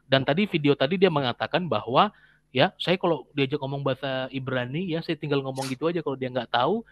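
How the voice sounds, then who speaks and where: A man's voice: medium pitch, quick pace, no echo, muffled recording. A man co-hosting who comments casually and stops now and then to search for words.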